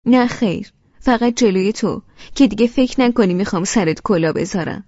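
A woman's voice: mid-range voice, mellow, no room sound, big-room sound, natural voice. A woman voicing a sensitive, stubborn young wife in an audiobook, hurt and pleading, in a dull lo-fi recording. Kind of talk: audiobook character reading.

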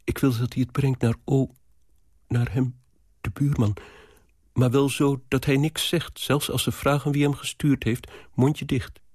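A man reading aloud as a lovesick, anxious young woman, in a low, earnest, pleading tone. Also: level tone, a little slow, a little mellow, husky, no room sound, clean studio sound. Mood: urgent.

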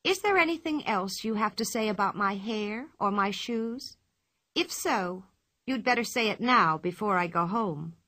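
A woman voicing a bold, cheerful young girl in a storybook reading, with a lively, playful lilt. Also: medium pitch, measured pace, no room sound. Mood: scolding.

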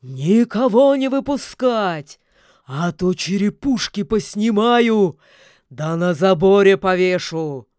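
A woman's voice: on the low side, very animated, measured pace, dry recording. Storybook villain: a bored, temperamental male immortal sorcerer who growls commands, read by a woman, dry audiobook sound. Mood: roaring. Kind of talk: audiobook character voice.

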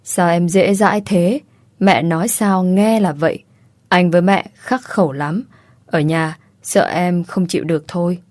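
A woman voicing a gruff, blunt young husband with a curt, rough way of speaking, read in a storybook style. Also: on the low side, a little slow, a little mellow, no echo, lightly acted. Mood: grudging.

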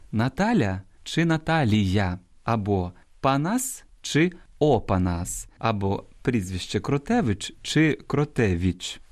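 A man hosting a radio language program, reading a scripted talk that answers listener questions and slowly stressing each example word. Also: mid-range voice, a little mellow. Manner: didactic, spells out examples slowly and emphatically.

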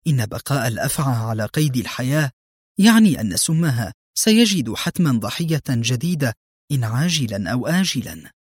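A man's voice: mid-range voice, big pitch swings, brisk, breathy edge, no room sound, studio quality. A man voicing an earnest, troubled young female agent in an audiobook story. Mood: earnest doubt.

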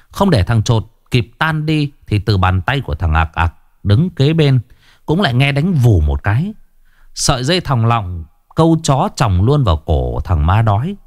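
Lively male ghost story narrator. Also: fairly low pitch, no room sound, studio quality.

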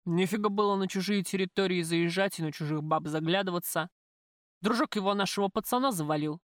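A woman reading an audiobook, voicing a coarse, possessive male gang boss who talks in rough slang. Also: on the low side, a little fast, no echo, studio quality, natural voice.

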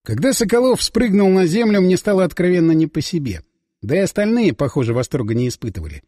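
A man reading first-person audiobook narration with lively storytelling delivery. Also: high voice, fast talker, no echo, clean studio sound, big-room sound.

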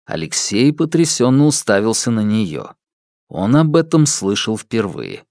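Low-voiced man narrating an audiobook. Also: sing-song, unhurried, darkish tone, no echo, clean studio sound.

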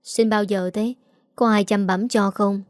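A woman's voice: mid-range voice, fairly even intonation, a little slow, a little mellow, no echo, clean studio sound, lightly acted. A woman voicing a kindly older housekeeper who speaks plainly and with motherly care. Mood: caring.

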